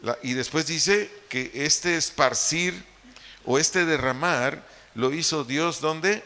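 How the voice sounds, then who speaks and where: A man with a Mexican Spanish accent preaches in a church hall, his bright voice trailing off into a long reverb. He teaches patiently, repeating his main points and asking the listeners questions as he goes. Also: a little high, slow pace. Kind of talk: sermon.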